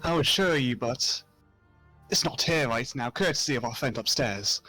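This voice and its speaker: A man's voice: mid-range voice, animated, moderate pace, sharp tone, soft background music. A man playing a tabletop game, making dry, dismissive in-character remarks. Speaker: player.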